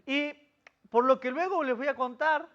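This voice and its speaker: A man's voice: very high-pitched, normal speed, muffled recording. A man with an Argentine accent, a pastor leading a Bible study, telling the story vividly and asking his listeners questions. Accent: Argentine Spanish. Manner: lively storyteller who quizzes his listeners.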